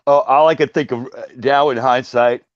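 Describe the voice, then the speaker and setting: A man's voice: medium pitch, steady tone, moderate pace, highs cut off, a little hiss or hum. A man in a casual chat, tossing in dry wisecracking asides.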